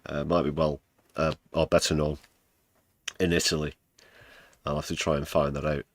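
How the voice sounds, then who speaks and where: A man's voice: extremely low pitch, level tone, measured pace, dry recording. A man from the United Kingdom hosting a livestream, giving casual, wry commentary on news clips with sarcastic asides. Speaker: livestream host.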